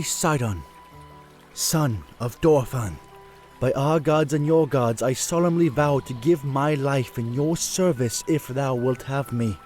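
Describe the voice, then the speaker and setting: A man's voice: medium pitch, darkish tone, close to an everyday voice. A man playing a tall, noble, boastful prince of fish-folk in a fantasy audio drama, declaiming in a grandiose, proud way.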